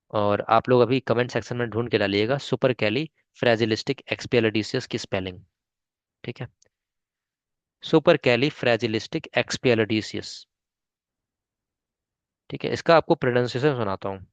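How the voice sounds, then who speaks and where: A man with an Indian accent teaches spoken English online in a medium-pitched voice at normal speed. He is patient, breaks long words into syllables, and often checks in with "ठीक है?". The recording is dry and lo-fi.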